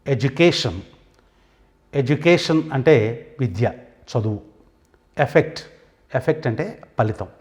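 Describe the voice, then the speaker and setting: A man's voice: medium pitch, expressive, darkish tone. Telugu man teaching English words. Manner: says each English word, then gives its meaning, pausing between items. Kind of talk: vocabulary lesson.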